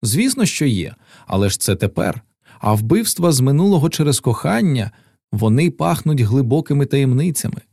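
A man reading a gentle, thoughtful young woman's lines in an audiobook, lifting his voice slightly. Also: mid-range voice, big pitch swings, moderate pace, creaky, slightly rough, no echo, studio quality, voice pushed up, full character voice.

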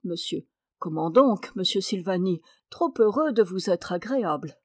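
A woman's voice: on the low side, lively intonation, normal speed, a little mellow, dry recording. A woman reading aloud, voicing a weary, mildly sarcastic husband who grumbles under his breath. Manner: dry, grumbling. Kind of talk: audiobook character reading.

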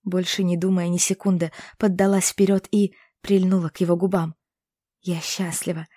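A woman narrating a first-person fantasy romance audiobook in an expressive, intimate way. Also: on the low side, brisk, no room sound, studio quality.

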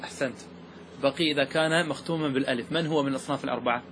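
A man teaching grammar, asking the class questions and slowing down to stress key words. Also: medium pitch, fairly bright tone, a little hiss or hum. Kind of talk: classroom lesson explaining verse.

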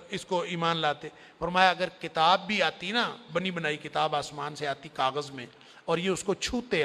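Preacher guy, gravelly bright voice, fiery then hushed, big hall echo. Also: fairly high pitch. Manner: impassioned, swinging from loud emphasis to near-whisper. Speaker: Quran scholar and preacher. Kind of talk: sermon-style Quran summary lecture. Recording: long hall reverb.

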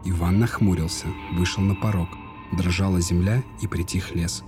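A man narrating a fairy tale in a measured, solemn storybook manner. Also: low voice, fairly even intonation, over music. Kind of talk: storybook reading.

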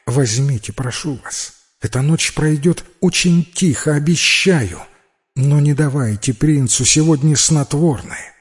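A man voicing a gentle, determined young queen in a storybook, speaking softly and earnestly. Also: fairly high pitch, unhurried, pitched above the performer's own voice, close to an everyday voice. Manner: soft and pleading, then firm.

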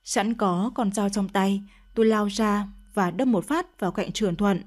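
Woman reading a dark confession story, emotional, first person, audiobook style. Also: mid-range voice, moderate pace. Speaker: story narrator.

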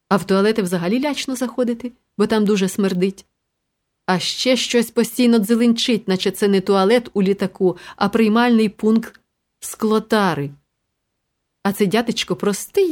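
A woman reads a novel aloud in the first person. Her telling is wry and ironic. Her voice sits at an ordinary middle pitch. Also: a little mellow. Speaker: audiobook narrator. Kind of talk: first-person audiobook narration.

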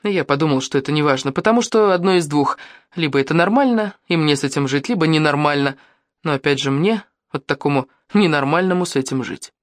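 A man narrating an audiobook in the first person, with lively, expressive storytelling. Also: fairly high pitch, fast, dry recording, studio quality.

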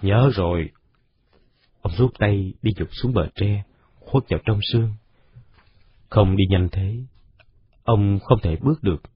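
A man narrating a children's story in a steady, unhurried way. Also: on the low side, slightly rough. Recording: dull lo-fi recording.

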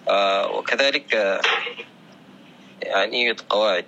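A man's voice: on the low side, moderate pace, sharp tone, dull audio. A man answering his teacher in short replies and reading a text aloud. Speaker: student. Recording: faint background noise.

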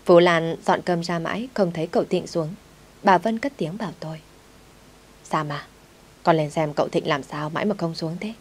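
A woman reading a family drama story aloud, speaking every character in the same steady narrating voice. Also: fairly low pitch, normal speed, husky.

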